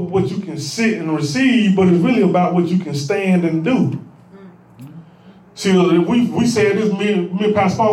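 A man preaching a sermon as pastor, with a rising call-and-response cadence that swells into shouts. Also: high-pitched, reverberant, far from the mic.

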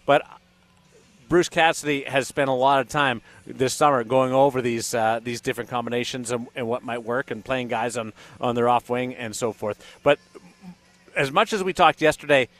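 Mid-pitched male sports radio host. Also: moderate pace, fairly bright tone. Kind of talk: casual sports talk, hockey analysis.

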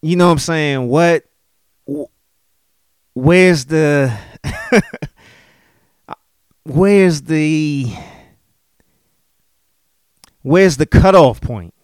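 A man's voice: on the high side, very slow, long pauses, clean tone, no room sound, clean studio sound. Reflective man in his late thirties. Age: late 30s. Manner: reflective, emotional, repeats "you know what I'm saying". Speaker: podcast host. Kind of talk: candid personal podcast talk.

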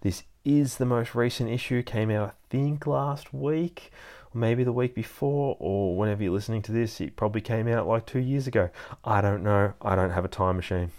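An Australian man with a low voice hosts a podcast in an informal review style. He is excitable and swears freely as he chats from a bedroom. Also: normal speed. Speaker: podcast host. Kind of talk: casual comic book review. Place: bedroom used as a studio.

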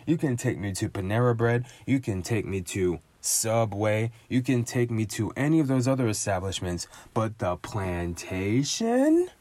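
A man's voice: lowish voice, moderate pace, hardly any pauses, a little mellow, dry recording. A man in a casual solo monologue, sardonic and profane, riffing with emphatic asides.

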